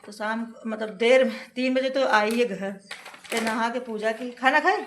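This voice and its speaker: A woman's voice: on the high side, measured pace. A woman, a mother, talking casually to camera at home in a chatty way, and sometimes scolding her kids. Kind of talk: casual home vlog narration. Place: indoors at home. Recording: echoey room with faint noise.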